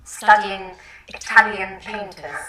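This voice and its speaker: Brief: a young flatmate, bright, lively, slow, off-mic in an echoey room. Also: female voice, medium pitch, distant mic, a little hiss or hum. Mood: friendly. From England. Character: young Englishwoman showing off her shared house. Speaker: flatmate in a lesson dialogue. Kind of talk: scripted language-lesson dialogue.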